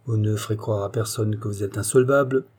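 A man's voice: lowish voice, fairly even intonation, a little fast, slightly rough. A man voicing a stiff, sour tax collector who speaks curtly and sharply. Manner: curt and sharp.

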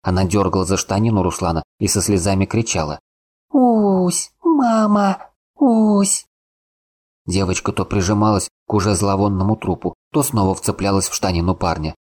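A man narrating an audiobook in a calm, unhurried reading. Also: deep voice. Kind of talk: scripted narration.

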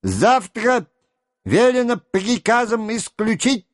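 An adult man reading a book aloud and voicing a hot-tempered male hussar officer who shouts fiercely. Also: high voice, very animated, takes it slowly, dry recording, clean studio sound, voice pushed up, heavily acted. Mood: bloodthirsty. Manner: shouting, fiery. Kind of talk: audiobook character reading.

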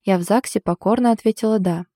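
A woman's voice: medium pitch, fast, no echo, clean studio sound, close to an everyday voice. A woman reading the lines of a stubborn, ironic young wife in an audiobook. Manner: ironic, sulky, sharp.

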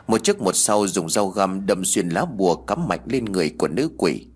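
A man narrating a scripted horror story in a dramatic, expressive way. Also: deep voice, moderate pace, husky.

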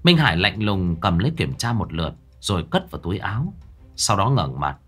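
A man narrating a ghost story in a dramatic, expressive way. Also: sits low, brisk, breathy edge, faint music behind. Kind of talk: scripted narration.

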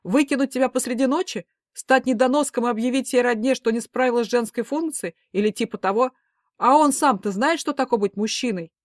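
A woman voicing an angry, protective middle-aged father who talks in loud, blustering outbursts. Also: medium pitch, fairly quick, hardly any pauses, no echo, clean studio sound, natural voice. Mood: indignant.

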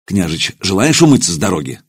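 A man voicing a gruff, bluff older male sergeant who barks orders, in an audiobook. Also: lowish voice, sing-song, fast talker, heavily acted.

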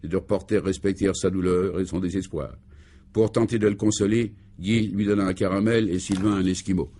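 A man giving deadpan, matter-of-fact narration for a radio serial. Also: low voice, fairly quick.

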